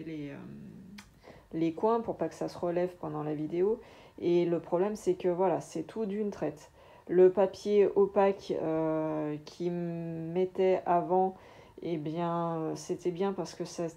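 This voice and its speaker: A woman chatting casually through a craft unboxing, hesitant with many filler pauses. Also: lowish voice, vocal fry, warm tone. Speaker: diamond painting vlogger.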